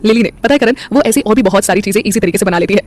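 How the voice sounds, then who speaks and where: A woman voicing a gentle, bashful young woman in a romantic audio story. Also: medium pitch, racing, lightly acted. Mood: friendly. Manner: gentle, shy.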